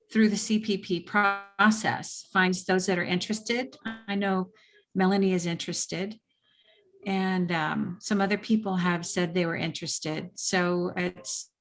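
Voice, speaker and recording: A woman, a club's new certification liaison, explaining slowly and haltingly on a video call. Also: lowish voice. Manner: slow, halting, with ums and laughs. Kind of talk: casual video call chat.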